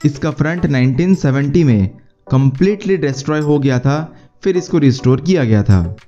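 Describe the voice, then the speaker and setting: Man, travel vlog voice-over, slightly high voice, mellow tone, steady explaining guide manner. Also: moderate pace, lo-fi sound. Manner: steady explanatory guide tone, mixing English words into Hindi. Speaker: travel vlogger. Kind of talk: scripted voice-over narration. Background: faint background music.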